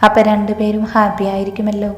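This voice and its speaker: A woman's voice: mid-range voice, completely flat delivery, fast talker, close to an everyday voice. A woman voicing a playful, cheeky young woman who teases her family. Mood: teasing. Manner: teasing, chatty. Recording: roomy hall reverb, faint music.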